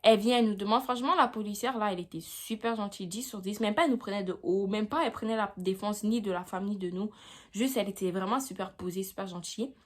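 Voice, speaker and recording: A woman's voice: mid-range voice, fast talker. A young woman vlogger telling a personal story time in a slangy, chatty way, with frequent "tu vois".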